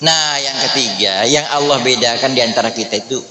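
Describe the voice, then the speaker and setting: A man's voice: medium pitch, brisk, sharp tone, a little hiss or hum. A man with an East Javanese accent giving a humorous religious talk to an audience, chatty and joking, often addressing listeners as "Pak". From Indonesia. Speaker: Islamic preacher. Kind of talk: humorous Islamic study talk. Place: large echoey hall at an office. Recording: echoey hall with faint ambience.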